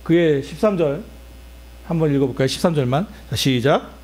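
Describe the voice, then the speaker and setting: High, lively Korean-speaking preacher man. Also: fairly quick. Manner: animated preaching with rhetorical questions to the congregation. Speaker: pastor. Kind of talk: sermon.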